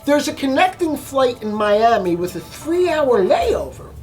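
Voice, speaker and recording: A man's voice: very high voice, big pitch swings, a little slow, soft background music, full character voice. A man quoting his insistent wife. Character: impatient wife, adult woman, insistent.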